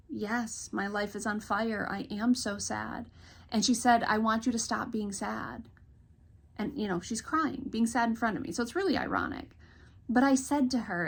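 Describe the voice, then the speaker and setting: A woman in her thirties, a licensed counselor, speaking earnestly and gently to camera in a reassuring reflective talk. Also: medium pitch, gravelly. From Michigan.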